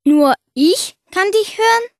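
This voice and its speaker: A timid young boy, played by a woman, speaks in a high, anxious voice with slow, careful phrasing. It is a scripted language-course radio play recorded on a close studio mic. The room is dry, with no echo. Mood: doubtful. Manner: hesitant, anxious, unbelieving.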